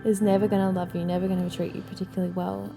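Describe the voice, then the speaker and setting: A woman's voice: mid-range voice, level tone, very fast, vocal fry. A young woman casually recounting a personal story to her partner, hesitant, with lots of fillers and restarts. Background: soft background music.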